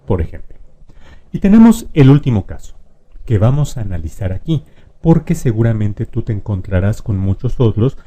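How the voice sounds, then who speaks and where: A man teaches spelling, speaking patiently and directly to the viewer. His voice sits low and sounds very dark and mellow. He slows right down to draw out each example word. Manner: patient, addresses the viewer directly, stretches example words slowly. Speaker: language teacher. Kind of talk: explanatory lesson on spelling.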